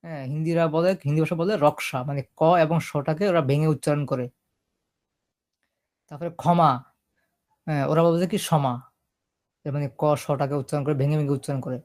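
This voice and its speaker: A man's voice: on the high side, steady tone, quick pace, long pauses, a little mellow. Man teaching typing. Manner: explains step by step, often checking "ঠিক আছে?". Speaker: computer typing instructor. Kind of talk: screen-recorded typing lesson.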